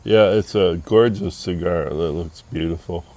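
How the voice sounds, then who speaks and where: Man, lower voice, casual chat, fillers, outdoors, cigar talk. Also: unhurried. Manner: relaxed, explains with many fillers. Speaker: co-host of a cigar review channel.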